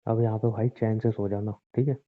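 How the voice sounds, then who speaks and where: A man's voice: lowish voice, fairly even intonation, a little fast, a little hiss or hum. A young man in a scripted comedic skit, playing an exasperated husband who grumbles and teases. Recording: tinny phone-call audio.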